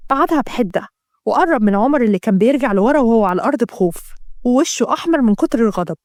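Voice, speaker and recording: A woman with an Egyptian accent narrating a romance story in a brisk, dramatic reading. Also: on the high side, expressive, darkish tone, no echo, clean studio sound. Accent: Egyptian Arabic.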